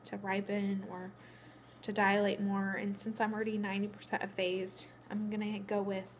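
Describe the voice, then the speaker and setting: A woman's voice: mid-range voice, monotone, moderate pace, slight background noise. A young pregnant woman, out of breath, rambling through a matter-of-fact casual vlog update. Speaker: vlogger. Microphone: phone camera.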